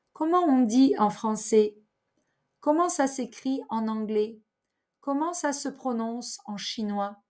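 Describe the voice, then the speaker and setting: A woman's voice: a little high, darkish tone. A woman teaching French, reading example phrases one by one with careful enunciation. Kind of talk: slow, clear language lesson.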